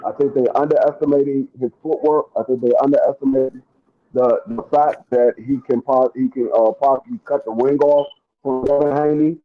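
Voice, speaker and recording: A man on a boxing panel giving a casual fight prediction, his voice coming through robotic and metallic from a bad mic connection, halting with many restarts. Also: medium pitch, fairly even intonation, phone-quality sound. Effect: robotic, metallic glitching voice from a bad mic connection.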